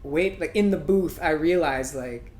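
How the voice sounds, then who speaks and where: A man hosting a podcast, talking through his thoughts in a reflective, halting way with lots of fillers. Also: on the high side, a little mellow. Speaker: podcast host and musician. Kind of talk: casual conversation. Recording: roomy echo.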